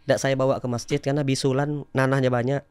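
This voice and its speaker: A mid-pitched man tells his life story as a podcast guest. He talks candidly and grows loud and emphatic in bursts. The studio sound is close and dry. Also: level tone, fast, clear, resonant tone, dry recording.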